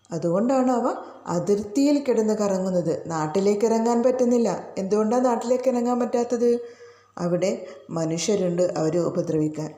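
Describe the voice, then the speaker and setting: A woman teacher slowly explains a school lesson to children and keeps asking them rhetorical questions. Her voice is mellow and unhurried. The recording sounds roomy and echoey. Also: medium pitch. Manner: asks pupils rhetorical questions. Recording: roomy echo.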